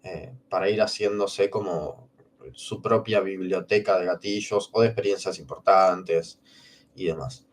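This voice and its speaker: A man's voice: sits low, fairly even intonation, a little slow, recorded from a distance, slight background noise. A man co-hosting a livestream workshop, explaining emphatically and checking in with listeners. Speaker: workshop co-host. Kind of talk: casual teaching on a livestream.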